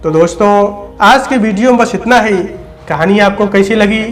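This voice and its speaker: A man narrating a scripted, emotional story in a solemn, measured way. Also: high-pitched, soft background music.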